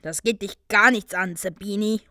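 A woman voicing a hot-headed, jealous young male wizard student who snaps loudly. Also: medium pitch, moderate pace, no room sound, studio quality, lightly acted. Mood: angry. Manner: loud, snapping, aggrieved.

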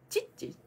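A woman's voice: a little mellow, slight background noise. A young woman with a Kansai accent, chatting and teasing on a casual phone livestream, laughing often. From Osaka, Japan. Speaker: volleyball player on a fan livestream.

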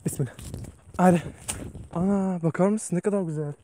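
Walking alone through a forest, a man vlogs outdoors during a solo hike, nervous and joking as he talks to himself and his viewers. His voice is high-pitched and mellow, his pace brisk, with a little hiss or hum.

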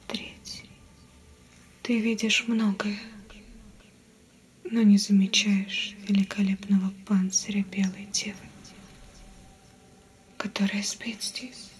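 A young woman voicing a mystical sea-cult priestess in a whispered role-play, speaking in a hushed, solemn, reassuring way over background ambience. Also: medium pitch, close to an everyday voice. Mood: solemn, reverent. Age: young adult. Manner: slow, hushed, reverent, reassuring. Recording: whispered recording with clear background noise, ambience.

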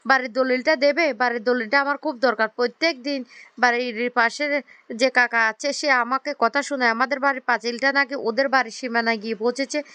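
Woman doing a hot-headed son, insistent, agitated, quick. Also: on the high side, steady tone, sharp tone, smooth, no echo.

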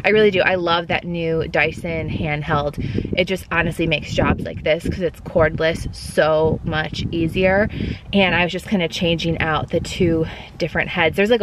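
A woman's voice: lowish voice, slight background noise. A woman in her thirties talking through a car cleaning vlog, chatty and upbeat, speaking to her viewers. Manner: chatty, upbeat, addresses viewers as "you guys". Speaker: lifestyle vlogger. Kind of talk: cleaning vlog voice-over and chat to camera. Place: inside a parked car. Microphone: phone or camera held at arm's length. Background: background music.

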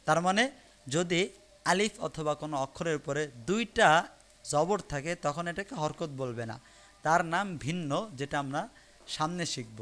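A man's voice: a little high, normal speed, fairly bright tone. A man teaching Quran reading in an online class, patiently repeating each syllable for learners to follow. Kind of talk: online lesson teaching Arabic letters. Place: online live class broadcast.

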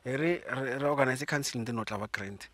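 Sitting in a parked car, a young South African host interviews a guest conversationally, giving advice and slipping English phrases into the local language. He has a mid-range, slightly bright voice and speaks a little fast, recorded on handheld and lapel microphones.

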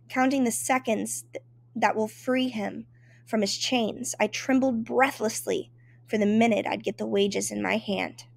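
A woman's voice: fairly high pitch, vocal fry, dry recording, clean studio sound. A woman reading a first-person memoir aloud in an emotive, dramatic storytelling manner. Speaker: reader.

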